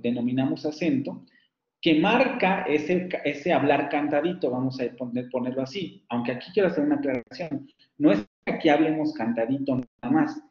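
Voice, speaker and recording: Man, fairly high voice, online lecture, echoey room, dull lo-fi call audio. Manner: explanatory, often checks students follow. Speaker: university lecturer. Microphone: computer mic on video call.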